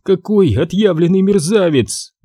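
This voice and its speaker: A man's voice: high voice, animated, measured pace, husky, no echo, studio quality, pitched above the performer's own voice, full character voice. A man reading an audiobook, voicing a shaken young woman who cries out and accuses in anger. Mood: furious. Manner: shouting, accusing.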